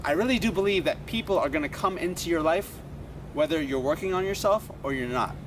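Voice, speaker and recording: A man hosting his own vlog, talking in an excited, hyped-up way during a casual interview outdoors in a city. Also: a little high, fairly quick. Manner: excited, hype-style talk. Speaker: vlog host. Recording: distant outdoor mic with traffic noise.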